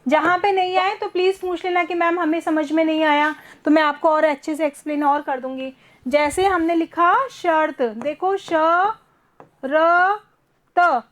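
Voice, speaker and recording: A woman teaching a first-grade class online, patiently repeating words slowly for young children. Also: sits high. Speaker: primary school teacher.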